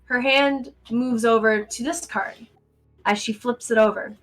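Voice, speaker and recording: Female game master, higher register, slow tabletop narration with informal asides, light music behind. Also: steady tone, fairly bright tone, rough recording.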